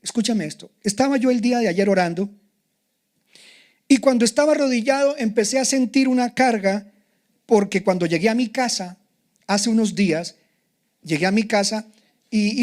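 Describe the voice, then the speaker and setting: Older guy preaching, kinda high pitched, really emphatic and confessional. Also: normal speed, darkish tone. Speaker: pastor. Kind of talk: sermon.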